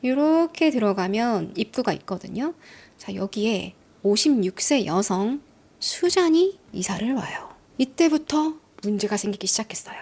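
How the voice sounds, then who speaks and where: A woman tells a true-crime story in a chatty, lively way, speaking straight to her listeners. Her voice sits high and swings up and down with animated emphasis. She keeps an easy, conversational storytelling flow. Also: normal speed.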